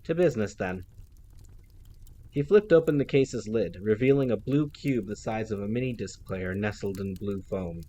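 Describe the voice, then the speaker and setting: A man reading a novel aloud in an even storytelling manner. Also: on the low side, normal speed, hardly any pauses, slight background noise. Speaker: audiobook reader.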